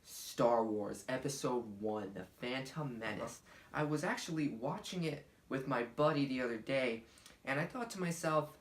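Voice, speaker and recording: A man's voice: medium pitch, expressive, moderate pace. A young man in a comedy sketch, casually telling a story to a friend and drawing out his words. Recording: echoey room, far from the mic.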